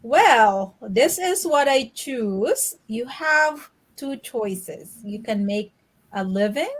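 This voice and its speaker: A woman's voice: fairly high pitch, lively intonation, slow, husky. A woman from the Philippines speaks briefly and cheerfully in a casual group video call. The sound is a typical video-call mic.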